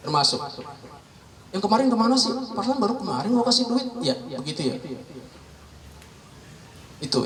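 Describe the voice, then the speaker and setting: A high-voiced man explains the law to a room of residents in a chatty way, acting out the things people say. He is recorded from a distance in an echoey room. The murmur of the crowd is heard behind him. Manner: chatty, keeps addressing the audience as "Pak"; acts out quoted speech and often laughs. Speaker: legal counselor. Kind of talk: community legal outreach talk. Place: neighborhood meeting with residents.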